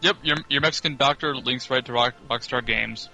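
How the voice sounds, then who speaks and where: Man, sharp bright voice, deadpan absurd jokes, faint music behind. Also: medium pitch, a little fast, gravelly, poor audio. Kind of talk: casual gameplay commentary.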